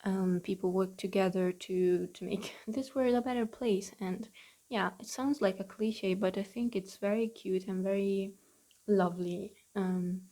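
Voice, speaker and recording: Hushed, mellow-voiced young woman. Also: medium pitch, fairly even intonation, a little slow. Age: young adult. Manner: talking quietly under her breath; hesitant, with many fillers. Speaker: gaming channel host. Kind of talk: casual voice-over for a building video. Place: bedroom at home.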